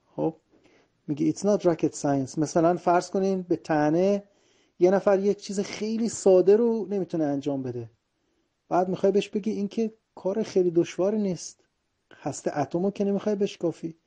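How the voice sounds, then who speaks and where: A man whose first language is Persian teaching everyday English phrases, saying each phrase slowly and then explaining it quickly in Persian. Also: sits high, warm tone.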